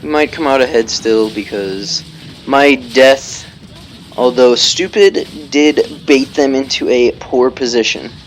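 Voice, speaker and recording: A man's voice: medium pitch, takes it slowly, a little hiss or hum. A man giving casual live commentary over his own gameplay, explaining tactics as he plays, thinking aloud and poking fun at his own mistakes. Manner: explains tactics while playing.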